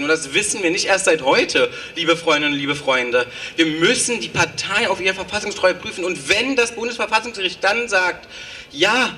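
Fiery high-voiced man rousing a rally. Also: sharp tone, a little hiss or hum. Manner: fiery, rousing, repeats his addresses to the crowd. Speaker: activist speaker at a rally. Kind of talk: rally speech. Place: outdoor demonstration.

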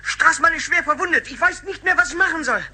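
A man's voice: fast talker, bright, forceful tone, exaggerated voice. A man playing a frantic, helpless young soldier calling over a field telephone in a war radio play. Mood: panicked, helpless. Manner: high-strung, frantic.

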